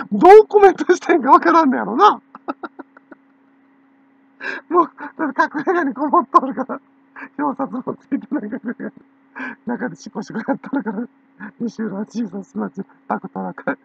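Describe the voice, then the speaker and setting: A woman with a Kansai Japanese accent rambles through a casual monologue, gossiping and teasing and repeatedly dissolving into giggles. Her voice sits on the high side, animated and moderately paced, creaky with a breathy edge and frequent pauses, in a dull lo-fi recording.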